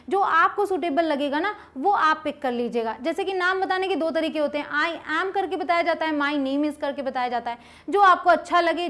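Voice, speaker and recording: Young woman, high voice, English teacher, coaxing, asks and answers her own questions. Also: a bit bright. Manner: coaxing, repeats questions to the viewer and answers them; slows down to model English phrases. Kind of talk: spoken English lesson.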